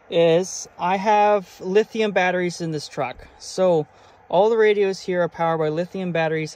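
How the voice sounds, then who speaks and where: Standing beside a truck and then climbing in, a male vlogger gives a casual walkthrough of his vehicle radio gear. His voice sits high with a darkish tone, and vehicle ambience and clear background noise come through.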